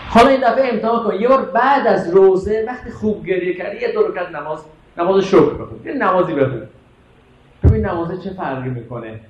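A man with a high voice preaches with passion and keeps throwing questions at the crowd. The recording is muffled and lo-fi, with a faint hiss underneath. His voice rings through a big echoing hall. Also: lively intonation. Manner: impassioned, rhetorical questions to the audience. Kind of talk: sermon.

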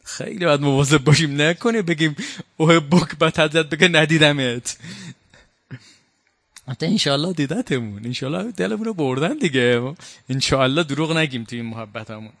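A man giving a religious lecture in a conversational way, slowing down to recite quotations. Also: a little high, a bit bright, no echo, clean studio sound. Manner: conversational, slows down to recite Arabic quotes. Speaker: preacher.

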